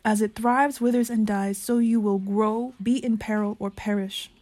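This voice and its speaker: A woman's voice: medium pitch, steady tone, moderate pace, dark tone, natural voice. A woman reading aloud the lines of a solemn widowed mother in a storybook tale, in a voice close to her own.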